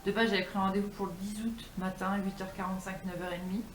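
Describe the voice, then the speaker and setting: A woman's voice: mid-range voice, little pitch movement, fast, soft background music. Chatty young woman vlogging in an echoey room. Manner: informal, chatty, talking to viewers. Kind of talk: casual chat to camera. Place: indoors at home. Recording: roomy home echo, faint background noise.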